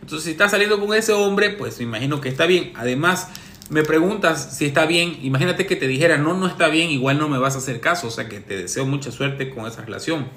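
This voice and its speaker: A man's voice: a little high, quick pace, pushed and bright, roomy sound, a little hiss or hum. A relationship coach, a man, reads viewer messages and answers them with sarcastic, teasing advice in a casual monologue.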